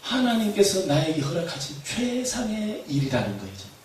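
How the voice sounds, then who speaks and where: A man preaching a sermon as pastor, animated, shouting refrains and laughing as he tells stories. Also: high-pitched, normal speed. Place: church hall. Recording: echoey hall, far from mic, faint noise.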